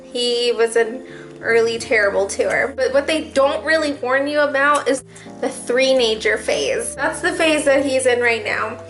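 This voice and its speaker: A woman's voice: high-pitched, measured pace, a bit bright, faint music behind, rough recording. A young adult woman, a mom vlogger, venting casually to camera in a chatty, rambling way with lots of fillers. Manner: chatty, rambling, laughs often, many fillers.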